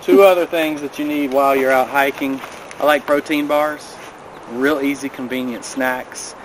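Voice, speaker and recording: A man's voice: mid-range voice, fairly even intonation, moderate pace. Casual man showing off hiking gear outdoors. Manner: friendly, practical, recommending. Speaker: vlogger. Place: outdoors by a river in a mountain valley. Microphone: camera a few steps away. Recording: outdoor camera audio with clear background noise.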